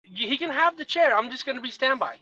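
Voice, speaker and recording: A man joking on a casual podcast chat while travelling, his voice thin and tinny with no bass, as if in a tin can far away. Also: animated, a little fast, bright, forceful tone, dry recording. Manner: joking, teasing, laughs often. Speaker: podcast co-host. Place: on the way back to a hotel.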